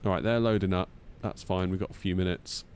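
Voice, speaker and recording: A man's voice: low-pitched, steady tone, fairly quick, a little mellow, a little hiss or hum. A man streaming a flight simulator, muttering casually to himself and making radio readbacks.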